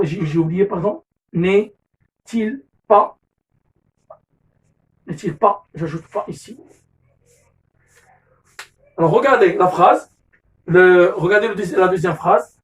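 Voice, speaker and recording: A man with a Moroccan accent teaching a grammar lesson, repeating key terms, correcting himself and switching into Moroccan Arabic asides. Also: sits high. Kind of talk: classroom lesson explanation. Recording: voice distant from the mic.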